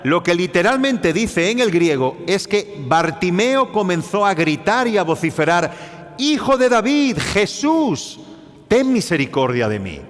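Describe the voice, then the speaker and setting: A man preaching a sermon, explaining a passage and acting out cries with rising intensity. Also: on the high side. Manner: animated, acts out biblical cries with rising intensity. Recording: church hall with long reverb.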